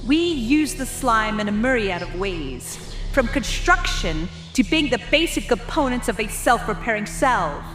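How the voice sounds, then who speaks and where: Woman as slow, scheming villain Queen Chrysalis. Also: fairly high pitch, big pitch swings, fairly bright tone. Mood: lofty, explanatory. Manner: slow, grandiose, deliberate monologuing. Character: regal, scheming changeling queen, menacing and grandiose. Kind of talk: dramatic audio story acting. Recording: music behind the voice.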